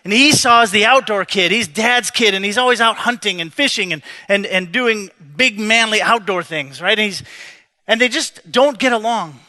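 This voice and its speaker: A man's voice: sits high, normal speed, sharp tone. A male pastor preaching a sermon in a conversational, joking storytelling way, with frequent restarts.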